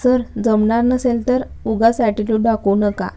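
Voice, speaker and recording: A cheeky, playful young student girl with a teasing manner, read aloud by a woman. The tone is dark and mellow, kept flat and even. It sounds like a storybook reading. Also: fairly high pitch, normal speed, lightly acted.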